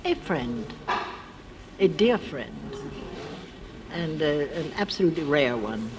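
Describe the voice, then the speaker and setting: Noisy archive recording, very old woman, from the United States, animated intonation, halting delivery, literary interview. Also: deep voice. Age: elderly, very old. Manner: hesitant, halting old lady, losing her thread at times. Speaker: interviewee, friend of the writer discussed.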